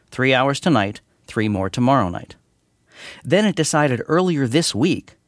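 A man's voice: medium pitch, dry recording, studio quality. An American man delivering a scripted radio review as a television critic. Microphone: close studio microphone.

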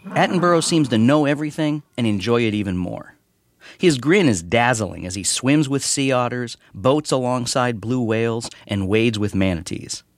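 A man's voice: mid-range voice, animated, normal speed, dry recording. An American man delivering a scripted radio review as a television critic. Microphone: close studio microphone.

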